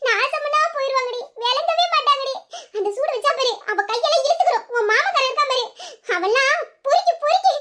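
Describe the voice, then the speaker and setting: A woman's voice: very high voice, fairly bright tone. A woman voicing an indignant young woman who scolds and curses her friend's cruel in-laws. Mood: furious. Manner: scolding, cursing, heated. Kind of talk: Tamil audio story acting.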